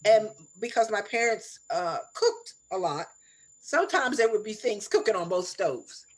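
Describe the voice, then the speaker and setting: A woman in her seventies reminiscing in conversation as an interview guest, reflective and deliberate, repeating phrases for emphasis. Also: medium pitch, expressive, rough recording. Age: 70s. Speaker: interview guest, elder sharing life stories.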